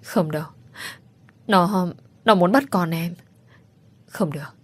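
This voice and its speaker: A woman's voice: fairly low pitch, takes it slowly. A woman voicing a frightened, pregnant young wife who pleads tearfully in a storybook reading.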